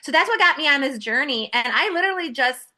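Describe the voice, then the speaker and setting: A woman in her forties talks as a podcast guest, animated and chatty, full of fillers as she goes. Her voice is bright and sits fairly high. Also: fast talker. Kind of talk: casual interview chat.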